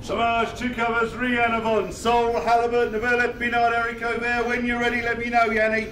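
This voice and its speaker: A man's voice: very high voice, monotone, fairly quick, fairly bright tone. A man doing kitchen callouts, listing food orders in clipped phrases as a chef. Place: busy restaurant kitchen. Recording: echoey, distant, noisy working kitchen.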